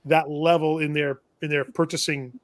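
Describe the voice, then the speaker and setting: Talkative male shop vendor, slightly high voice, rambling anecdote with wry chuckles. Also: flat delivery, moderate pace, dry recording. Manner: rambling, self-correcting, chuckles at own misfortune. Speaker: shop owner and tool vendor. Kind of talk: casual storytelling on a live show.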